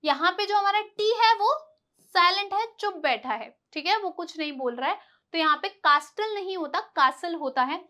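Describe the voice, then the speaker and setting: A woman's voice: very high-pitched, expressive, moderate pace, sharp tone. A woman teaching English letter sounds, asking questions and answering them herself, spelling words out letter by letter. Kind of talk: classroom lesson.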